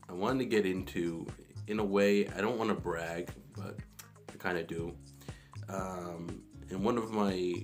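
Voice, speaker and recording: Deep-voiced man talking in an echoey bathroom. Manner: rambling, many restarts and fillers. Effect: echoey bathroom sound. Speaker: tech vlogger. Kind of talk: casual tech talk to camera. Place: small home bathroom. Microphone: phone camera. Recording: echoey bathroom with background guitar music.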